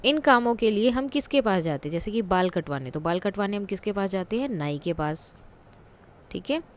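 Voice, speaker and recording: A woman teacher explaining a worksheet in a patient way, repeating words slowly for her students. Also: mid-range voice, expressive.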